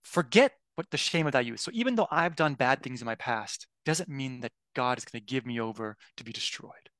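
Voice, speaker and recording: A man's voice: medium pitch, animated, a little fast, fairly bright tone, dry recording. A man preaching a sermon in a loose, conversational way, often restarting his sentences and asking listeners "right?". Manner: conversational, with frequent restarts and tag questions.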